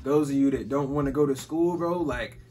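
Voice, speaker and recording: A man's voice: mid-range voice, a little fast, darkish tone, soft background music. A man in his twenties from Chicago, hosting a casual chat about business and money, easygoing and saying "bro" and "like" constantly. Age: 20s. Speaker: podcast host.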